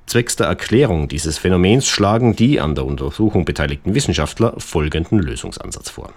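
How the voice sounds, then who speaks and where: A man's voice: deep voice, sing-song, fairly quick, darkish tone. A man reading scripted science news in a formal manner as a podcast presenter.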